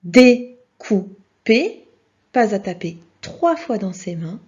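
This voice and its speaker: A woman's voice: mid-range voice, very animated, unhurried, darkish tone, breathy edge. A woman teaching a children's video lesson, speaking patiently and encouragingly and addressing the child directly. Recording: dull lo-fi sound.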